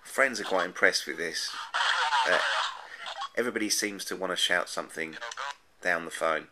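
A man rambles through an unscripted app review, hesitant and casual, frequently repeating words as he talks from a desk indoors, off screen. He speaks at normal speed in a low voice, and heavy background noise fills the recording.

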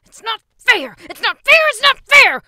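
A woman voicing a sulky young boy who shouts and whines in a tantrum. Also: mid-range voice, measured pace, breathy edge, no room sound, clean studio sound.

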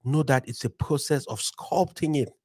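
A Cameroon-born man in his forties, a podcast guest, tells energetic motivational stories, animated and building up like a preacher while tossing in frequent "right?" check-ins. His mid-range voice is slightly rough and moves at normal speed. He's close on a studio mic on a boom arm in a podcast studio lined with bookshelves.

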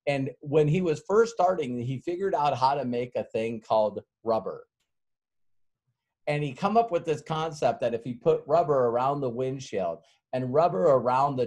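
A man's voice: mid-range voice, darkish tone. Man telling a rambling sales story. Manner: rambling storyteller, chuckles often, many fillers. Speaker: workshop guest speaker. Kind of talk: motivational sales workshop talk.

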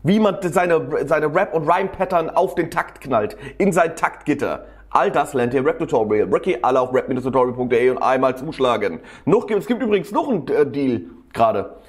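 A man's voice: fairly high pitch, lively intonation, normal speed, few pauses. A man casually commenting on a rap battle as a tutorial host, slangy and enthusiastic, often laughing.

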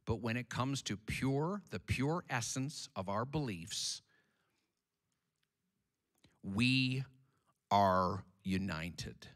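A man's voice: medium pitch, animated, very slow, pauses often, a bit bright. A man preaching a sermon as pastor, emphatic and repetitive, calling on the congregation to respond, in a church sanctuary.

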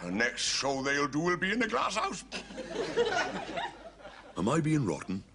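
An actor playing a scheming Welsh army sergeant major in a TV sitcom, who chuckles and calls the men lovely boys. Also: male voice, a little high, wildly swooping pitch, measured pace, over a noisy crowd, very noisy, exaggerated voice. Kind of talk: 1970s TV sitcom acting.

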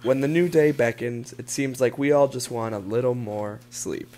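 A man's voice: mid-range voice, moderate pace, a little mellow. A man giving scripted documentary narration for kids, friendly and asking the listener questions.

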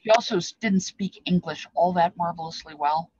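Husky and darkish, this older woman's fairly low voice moves at a normal speed with no room sound. Past her fifties, she presents feast dishes from a cluttered small craft room indoors, recorded lo-fi by a desk-distance webcam. Her explanations are informal, rambling, reflective, and full of reminiscing.

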